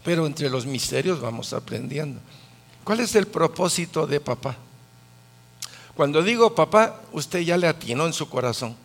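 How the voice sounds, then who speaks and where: Man, Bible teacher, conversational, asks the crowd questions, a bit high-pitched. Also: normal speed, creaky. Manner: asks the audience questions, lively.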